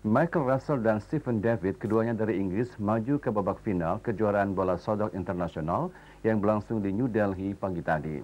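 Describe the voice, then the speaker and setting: A man with an Indonesian accent reading formal scripted television news, with measured, formal enunciation, as an anchor. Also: lowish voice, a little mellow, dull audio. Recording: noisy old TV broadcast recording.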